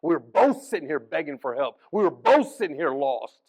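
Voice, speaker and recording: A man preaching as pastor, telling the story in an animated way, acting out the people in it and restarting phrases often. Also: fairly high pitch, a little fast, gravelly, no echo. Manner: animated storytelling, acts out voices, frequent restarts. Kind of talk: sermon.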